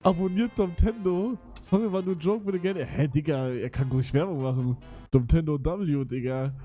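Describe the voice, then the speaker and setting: Streaming live, a young man with a slightly high voice reads chat messages aloud at a moderate pace, mocking and casual. He swears a lot and swings from muttering to loud outbursts, with faint music behind him.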